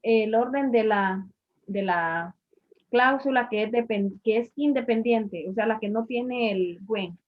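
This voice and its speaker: A woman's voice: on the high side, a little slow. A woman teaching an English grammar class, patiently explaining and repeating each point in a classroom. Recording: muffled lo-fi recording.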